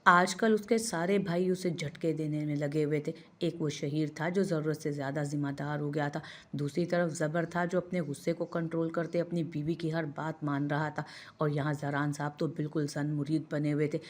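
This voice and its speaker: A woman narrating a romantic novel in a steady, expressive storytelling voice. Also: deep voice, normal speed. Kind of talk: audio novel reading.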